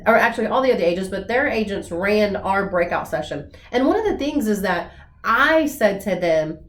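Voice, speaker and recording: Excited talkative woman at a team meeting, mid-pitch voice, echoey room. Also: normal speed. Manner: eager, talkative, jumps in excitedly. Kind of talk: casual team meeting talk.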